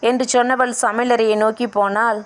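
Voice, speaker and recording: A woman's voice: on the high side, level tone, normal speed, clean tone. A woman reading a family novel aloud as an audiobook narrator, voicing the dialogue in her own voice.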